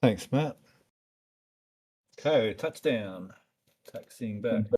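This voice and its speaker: A man hosts a live stream from a small plane, talking loosely and tripping over his own words. He sounds tired, as if it were very late at night. His voice is mellow and on the dark side. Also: on the low side, animated, takes it slowly, husky. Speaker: photographer narrating a live flyover stream. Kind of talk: casual live-stream chat.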